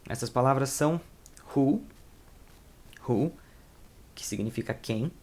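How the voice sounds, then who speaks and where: A man's voice: medium pitch, slow pace, darkish tone. A young Brazilian man with a Brazilian Portuguese accent, teaching an English lesson in a rambling, informal way and correcting himself as he goes. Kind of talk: casual explanatory lesson.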